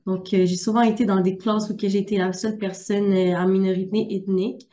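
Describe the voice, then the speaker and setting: A young woman from Quebec with a Québécois French accent, giving a personal testimony as a student guest in a webinar, halting with many filler sounds. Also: medium pitch, level tone, dark tone. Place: primary school workplace, some noise.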